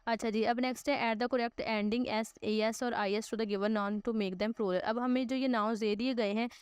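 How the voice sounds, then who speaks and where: Woman teacher, online class, patient explainer, mixes English terms into Hindi-Urdu, smooth voice. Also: a little high, steady tone, normal speed, no room sound. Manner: patient, repeats "ठीक है" to check understanding.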